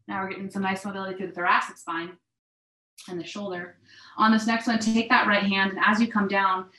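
A woman instructor guiding a stretching class with breathing cues in a calm, measured, step-by-step manner. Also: medium pitch. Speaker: yoga and mobility instructor. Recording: echoey, roomy sound.

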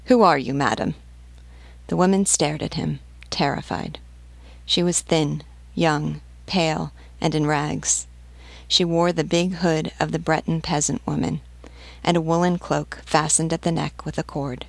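Low, gravelly woman narrating a classic novel. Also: steady tone, a little slow, no echo. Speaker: audiobook narrator. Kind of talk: scripted reading of a classic novel.

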